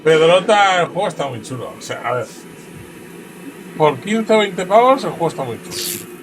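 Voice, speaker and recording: A man with a Spain Spanish accent chats through a game stream in a loose, joking way. He breaks into playful sing-song repetitions. Loud game audio runs under his voice. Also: fairly high pitch, sing-song, normal speed, noisy background. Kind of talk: casual game commentary.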